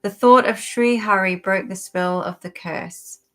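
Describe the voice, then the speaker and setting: A woman co-hosting a podcast, reading a sacred text aloud in a steady voice and pausing to stumble over unfamiliar words. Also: mid-range voice. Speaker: podcast co-host.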